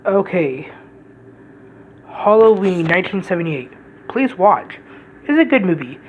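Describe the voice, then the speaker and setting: A woman's voice: on the low side, sing-song, a little slow, dull audio, a little hiss or hum. A woman giving a casual, rambling movie review, blunt and profane, often restarting her sentences.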